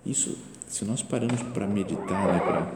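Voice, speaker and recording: A man's voice: on the low side, normal speed, background noise. A man preaching a spiritual meditation in a conversational way, with many rhetorical questions and short asides. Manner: acts out imagined voices in quotes. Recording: echoey hall with faint ambience.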